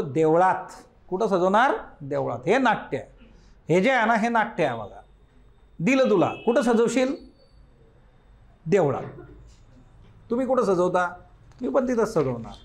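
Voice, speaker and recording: A man teaching a literature class for exam preparation. He reads passages aloud and explains them line by line, often addressing the class directly. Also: high-pitched. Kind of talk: exam-prep lecture on a short story.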